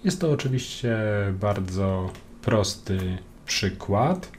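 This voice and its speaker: A man with a Polish accent walks through code in a screen-recorded programming lesson, calm and methodical, often pausing on a drawn-out "e". His voice sits low and sounds dark and mellow. Faint room hiss and keyboard typing sit under the narration. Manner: calm, explains step by step with frequent "e" hesitations. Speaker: programming tutor. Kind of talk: screen-recorded coding tutorial.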